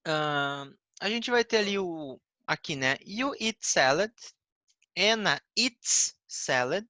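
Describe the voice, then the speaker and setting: A Brazilian man teaching basic English grammar, patiently explaining step by step and reading example sentences slowly. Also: on the high side, lively intonation, sharp tone, dry recording. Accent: Brazilian Portuguese. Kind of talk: recorded grammar lesson.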